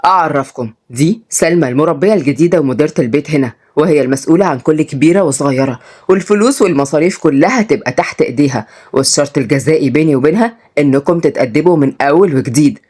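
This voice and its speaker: A woman's voice: low-pitched, lively intonation, very fast, darkish tone. A woman voicing a commanding older father who is a judge, with an Egyptian Arabic accent. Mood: stern. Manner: commanding, gruff.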